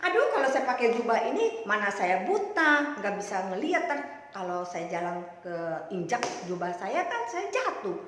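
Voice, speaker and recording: A woman voicing a blind beggar man who cries out loudly and pleads, in a story told to children. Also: medium pitch, very animated, moderate pace, very echoey, long reverb tail, noisy background, lightly acted. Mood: fretful.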